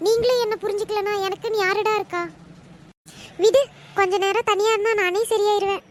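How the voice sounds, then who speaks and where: A woman's voice: very high voice, fairly even intonation, fairly quick, noisy background. A woman voicing a sad, unloved daughter in a cartoon, pleading and tearful. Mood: despairing.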